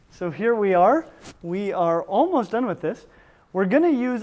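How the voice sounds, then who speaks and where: A man with a fairly high voice hosts a hands-on build vlog. He talks casually and informally as he narrates the work. His manner is excited and gushing, like someone revealing a makeover. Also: smooth. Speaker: host of a reptile enclosure build video.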